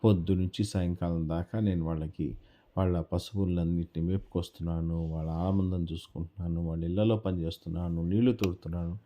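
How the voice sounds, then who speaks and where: A man's voice: fairly even intonation, a little fast, warm tone, natural voice. A man storyteller voicing a poor orphan village boy, speaking in a raised, plaintive voice. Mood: sorrowful. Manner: raised, plaintive, slightly higher voice.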